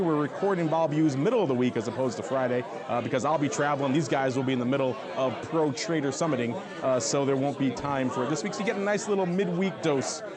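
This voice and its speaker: A man hosting a live panel show from a conference, talking casually and jokingly. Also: fairly high pitch. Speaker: show host. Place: live trading conference, away from the studio. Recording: busy live event crowd noise. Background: crowd chatter.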